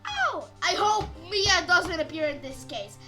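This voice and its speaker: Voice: very high-pitched, huge pitch swings, unhurried, music in the background. A gamer making joking, chatty asides while playing through a story game. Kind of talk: casual let's play commentary.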